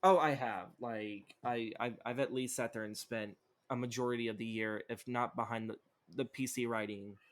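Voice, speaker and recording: A man's voice: mid-range voice, fairly even intonation, normal speed. A young man co-hosting a podcast, chatting casually about what he has been reading, rambling with lots of fillers and swearing. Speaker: podcast co-host. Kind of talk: casual chat.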